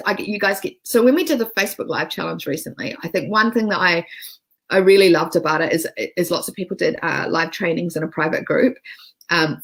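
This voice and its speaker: A woman's voice: lowish voice, slightly rough, low-quality recording. A woman with a New Zealand accent giving a chatty live-streamed business training from home, with frequent ums and restarts. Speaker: business coach. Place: home, cat nearby.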